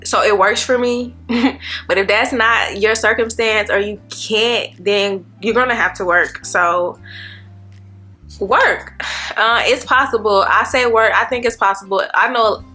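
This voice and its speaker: A woman's voice: medium pitch, measured pace, sharp tone, faint music behind. A woman in her twenties, a nursing student vlogging in a chatty, rambling way, talking straight to her viewers. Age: 20s. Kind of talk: casual chat to camera.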